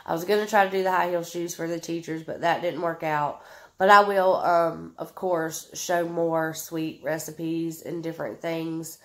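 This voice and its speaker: A woman's voice: sits low, fairly even intonation, normal speed, a bit bright. A woman in her thirties with a Southern US accent, stuffed up and sniffling, chatting casually to camera as she answers viewers' questions. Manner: chatty, drawling, many ums, reads comments aloud.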